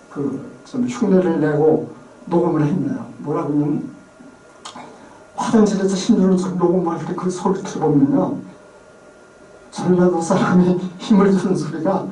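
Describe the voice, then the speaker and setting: A man's voice: a little high, moderate pace, mellow, slight background noise. A man giving an informal, chatty lecture who often imitates regional pronunciations. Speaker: lecturer on place names. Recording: echoey room, mic far away.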